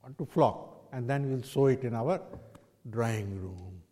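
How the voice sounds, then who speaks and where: A man's voice: mid-range voice, unhurried, warm tone. North Indian man preaching in a reverberant hall. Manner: didactic, poses rhetorical questions to listeners. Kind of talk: religious discourse in English with Hindi and Sanskrit phrases.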